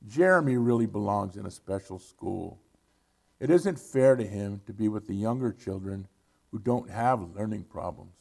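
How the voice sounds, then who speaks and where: A gently earnest woman schoolteacher, as a male preacher reads her lines, speaking soft and measured. The voice has a low gravelly edge throughout.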